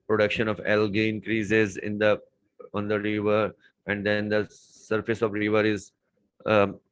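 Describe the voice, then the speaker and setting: A man's voice: fairly low pitch, dry recording, poor audio. A man tutoring chemistry, walking through exam questions step by step and repeating key words. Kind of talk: exam paper walkthrough lesson.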